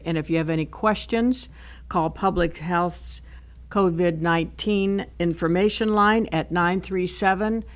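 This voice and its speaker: A woman with a Midwestern American accent chairs a county commission meeting. She reads out announcements briskly and repeats the key details. Her voice sits on the lower side.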